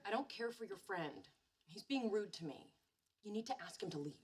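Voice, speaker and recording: Bossy woman with swooping pitch. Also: animated, moderate pace, slightly rough. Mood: offended. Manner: blunt, critical. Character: bossy, touchy girlfriend directing an amateur web show. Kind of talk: sitcom acting.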